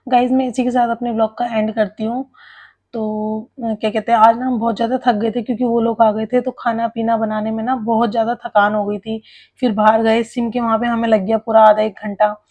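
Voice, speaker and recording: A woman's voice: a little high, flat delivery, brisk, a little mellow. A young woman from India narrating her family vlog in a chatty, rambling, confiding way, sleepy late at night. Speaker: vlogger.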